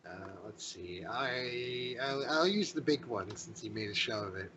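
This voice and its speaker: A man playing a tabletop game, talking in a halting, hesitant way. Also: medium pitch, lively intonation, pushed and bright, a little hiss or hum. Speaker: player.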